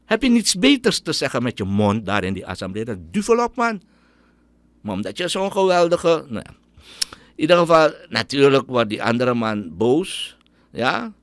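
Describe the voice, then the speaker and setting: A man's voice: medium pitch, very animated, moderate pace, no echo. A middle-aged man with a Surinamese Dutch accent, giving an indignant, scornful opinion monologue as a radio commentator.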